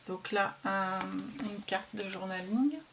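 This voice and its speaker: A woman talking casually as she shows and describes a handmade craft album, hesitant and full of pauses. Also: medium pitch, noisy background. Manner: slow, hesitant, filled with "euh". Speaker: craft vlogger showing a received album. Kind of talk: casual show-and-tell.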